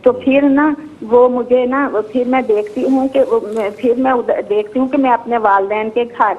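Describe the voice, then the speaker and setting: A woman's voice: on the high side, steady tone, a little hiss or hum. Rambling woman caller on a muffled line. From Pakistan. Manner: rambling, stops to correct herself. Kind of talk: telling a dream over the phone. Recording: muffled phone call.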